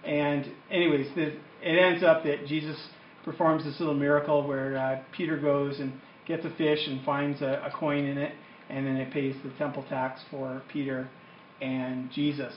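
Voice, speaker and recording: A man's voice: fairly high pitch, level tone, moderate pace, a little hiss or hum. A man, giving an informal, conversational Bible lecture and explaining as he goes. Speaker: Bible teacher. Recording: echoey room, dull lo-fi sound.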